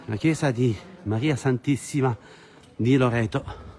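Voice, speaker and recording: A man presents a live travel stream from a hilltop village, talking straight to his viewers. He speaks a little slowly in a medium-pitched, slightly mellow voice, captured in a noisy outdoor recording with clicks.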